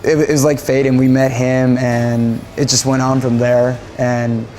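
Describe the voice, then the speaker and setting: A man's voice: medium pitch, little pitch movement, measured pace, dark tone, soft background music, low-quality recording. A man from Japan, a band musician, talking casually in an interview in a rambling way, often repeating phrases and restarting.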